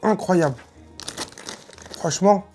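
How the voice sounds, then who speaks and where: A woman's voice: on the low side, slow, mellow. A woman giving casual, chatty and emphatic tasting commentary in colloquial speech. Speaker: host of food tasting video. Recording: music playing behind.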